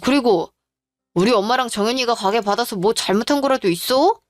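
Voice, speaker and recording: A woman's voice: fairly high pitch, a little fast, no echo, studio quality, close to an everyday voice. A woman voicing an evasive young husband in an audio drama, brushing off blame in a defensive tone.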